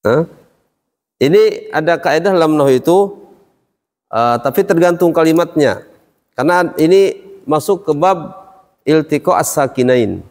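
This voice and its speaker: This Quran recitation teacher takes a measured pace, pausing often, his fairly high voice expressive and a little mellow. He explains the lesson step by step and quizzes his students, with the long reverb of a hall around him.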